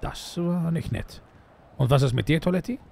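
A man's voice: fairly high pitch, moderate pace, vocal fry, dark tone, slight background noise. A young man playing a joking roleplay character in a video game, tossing Spanish words into his talk.

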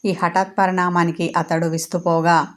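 A woman author reading her own serialized romance story in a steady, even narration. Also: on the low side, moderate pace.

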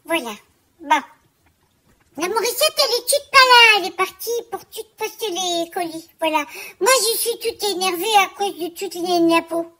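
A woman's voice: very high voice, expressive, moderate pace, bright, forceful tone, exaggerated voice. A woman voicing a chatty, fussy female character in a comic vlog, who grumbles and pads every phrase with the same little word. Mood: grumbling.

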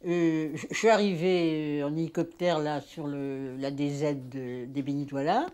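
A low-pitched older woman tells her memories to an interviewer. She is lively and halting, with many fillers and restarts, acting out the people she quotes. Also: smooth. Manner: lively storytelling with many hesitations. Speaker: interviewee recalling war reporting. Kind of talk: spoken reminiscence.

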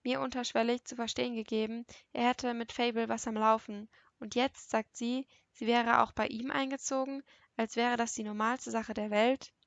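A woman narrating a first-person novel as an audiobook, in an intimate, even storytelling manner. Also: a little high, moderate pace, creaky, no room sound.

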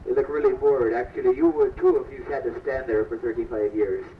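A man's voice: medium pitch, sing-song, fairly quick, a little hiss or hum. A man working as a ship captain, giving a comedic live tour spiel with pirate-style "aye" interjections over a PA microphone aboard a sailing ship attraction. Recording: distant roomy lo-fi PA recording.

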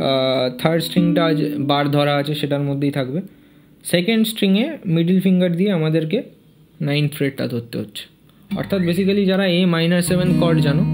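A man teaching a fingerstyle guitar lesson, counting beats, naming notes and singing bits of the tune. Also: fairly high pitch. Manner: counts beats and names notes, sings snatches of the melody. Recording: loud guitar playing along.

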